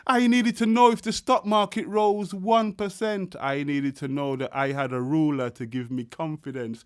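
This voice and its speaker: A man performing a spoken-word poem, chanting a repeated refrain and swinging between loud cries and hushed lines. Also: mid-range voice, smooth. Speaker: poet.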